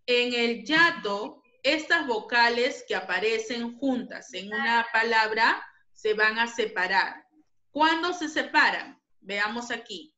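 Slow, bright-voiced woman teaching grammar. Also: on the high side, muffled recording. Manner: patient, repeats points for pupils. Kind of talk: online grammar lesson. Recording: echoey room.

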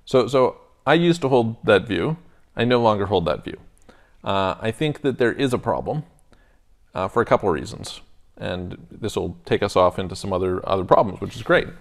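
A man's voice: lowish voice, expressive, normal speed, gravelly. A man in his thirties, co-hosting a podcast in casual debate, reasoning thoughtfully in steps with frequent restarts, on a lapel mic in a studio lounge. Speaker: podcast co-host. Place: studio lounge set with armchairs.

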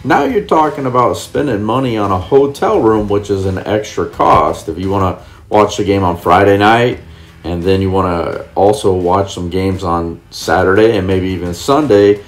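A middle-aged Californian man with an American accent narrates a casual vlog to camera from his camper van and parking lots, explaining things in a plain, repetitive way. His voice sits low at a moderate pace. He holds the phone at arm's length, making a noisy handheld recording with vehicle and outdoor ambience.

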